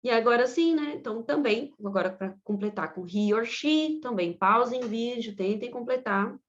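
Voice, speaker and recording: Professora brasileira explicando com paciência, voz um pouco aguda, som abafado. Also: female voice, on the high side, lo-fi sound. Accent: Brazilian Portuguese. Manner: patient, explanatory, spells out letters and repeats examples slowly. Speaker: English teacher. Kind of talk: online grammar lesson.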